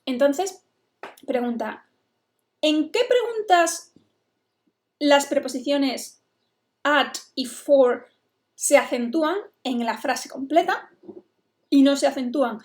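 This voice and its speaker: A woman's voice: high-pitched, lively intonation, slow, long pauses. A woman English teacher, patiently explaining a lesson. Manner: explains patiently, switching between English and Spanish.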